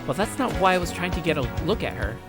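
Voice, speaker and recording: Reading through a visual novel as a let's play host, this young man keeps up casual, irreverent commentary full of jokes and swearing. He talks fast in a high voice that swings widely in pitch, with game music running underneath.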